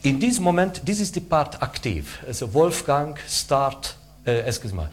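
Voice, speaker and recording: A man coaching string players in rehearsal, halting with fillers, switching between English and French and vocalizing sounds to demonstrate. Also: on the high side, big pitch swings. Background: string instruments playing.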